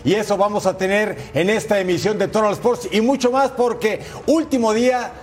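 High-pitched male sports host. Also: moderate pace. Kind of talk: energetic TV sports presenting. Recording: faint music behind.

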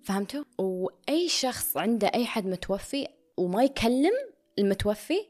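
A woman's voice: mid-range voice, animated, moderate pace, a little mellow. A woman speaking in an intimate, confessional way, often dropping to a near whisper and slipping into English phrases. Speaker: vlogger. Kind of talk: personal confessional monologue.

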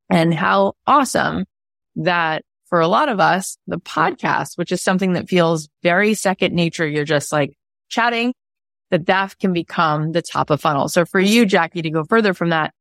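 A woman's voice: fairly low pitch, dry recording, studio quality. A woman hosting a conversational podcast interview, speaking in an affirming, explanatory way. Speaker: podcast host.

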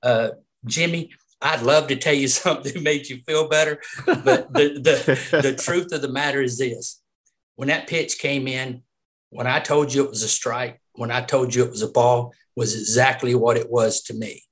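A man's voice: mid-range voice, steady tone, normal speed, a bit bright. Emphatic Southern man, laughing often. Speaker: retired umpire, podcast guest. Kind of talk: casual interview chat.

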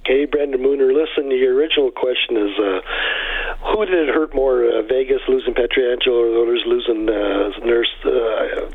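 A man's voice: mid-range voice, normal speed, husky, dry recording. A Canadian man calling a sports radio show, giving casual opinions with emphatic exasperation over the phone. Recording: thin phone line on radio.

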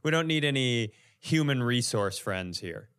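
Smooth, slightly bright, and expressive, this medium-pitched male co-host keeps a measured pace. His casual podcast storytelling is comic, blunt, exasperated, and sweary.

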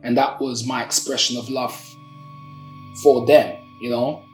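Casting: male storyteller, South London accent, mid-pitched and articulate, reflective delivery, music underneath. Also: steady tone, measured pace. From Brixton, South London. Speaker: social entrepreneur, activist and poet telling their story. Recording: roomy echo, music underneath.

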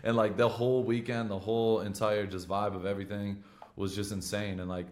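A man's voice: on the low side, flat delivery, brisk, a little mellow. A man from Michigan with an American accent, chatting casually on a podcast in slangy, profane frat-bro talk. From Michigan, USA. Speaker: pro football player on his own podcast.

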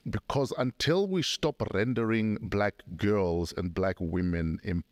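A man's voice: on the low side, a little slow, dry recording, studio quality. A middle-aged man hosting a podcast, asking questions with a joking, probing manner. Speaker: podcast host. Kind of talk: casual chat.

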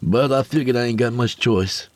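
A shy, nervous young man in an audiobook, voiced by a male narrator. He speaks hesitantly and softly. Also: mid-range voice, moderate pace, pitched above the performer's own voice, lightly acted. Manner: hesitant, soft-spoken.

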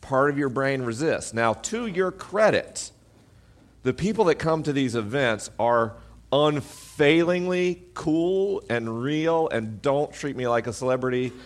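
A deep-voiced, booming podcast host, a little slow in delivery, jokes at his own expense while addressing a live audience from the stage. His animated talk runs through an amplified mic.

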